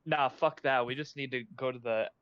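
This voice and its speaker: A man's voice: mid-range voice, steady tone, normal speed, smooth, no room sound. Blunt, cursing male player, lo-fi mic. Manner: blunt, swearing, joking. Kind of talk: casual chat in a tabletop game.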